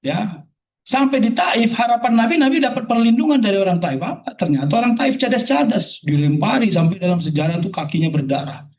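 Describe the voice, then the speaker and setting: A man's voice: high-pitched, expressive, brisk, a little mellow. A man preaching a sermon to a gathering, joking and firing rhetorical questions at the audience. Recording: distant, dull hall recording.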